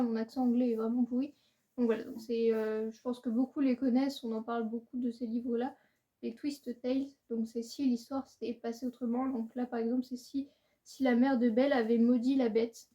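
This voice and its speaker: A woman's voice: a little high, warm tone, highs cut off. A woman giving a casual book review to her channel, hesitant and full of fillers and restarts. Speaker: book YouTuber.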